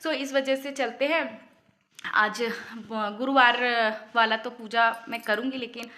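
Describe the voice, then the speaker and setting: A woman vlogger talking straight to her viewers, chatty and casual, dropping English words into her Hindi. Her voice is bright and sits a little high, and she sounds upset, close to tears. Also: steady tone, measured pace, a little hiss or hum. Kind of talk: casual vlog talk to camera.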